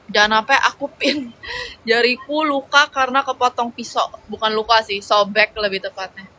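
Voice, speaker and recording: Bright-voiced young woman chatting on a livestream. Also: on the high side, a little hiss or hum, rough recording. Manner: chatty and rambling, with slangy fillers. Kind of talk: casual livestream chat, reading viewer comments.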